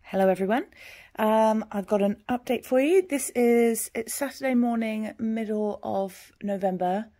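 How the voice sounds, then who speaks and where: A woman in her forties giving a casual, rambling progress update on her stitching at home, often trailing off into quiet murmurs as she counts. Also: a little high, steady tone, normal speed, no echo. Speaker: cross-stitch vlogger.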